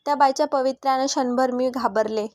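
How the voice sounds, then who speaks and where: A woman narrating a story in the first person, soft and expressive. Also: high-pitched, fast, no room sound, clean studio sound.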